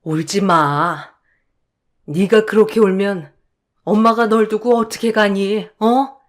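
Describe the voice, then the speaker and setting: A voice actor playing a gentle older mother who soothes her crying daughter in a radio drama. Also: mid-range voice, steady tone, slow pace, lightly acted. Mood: soothing. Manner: soothing, resigned. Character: gentle older mother, dying yet calm. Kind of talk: Korean radio drama reading.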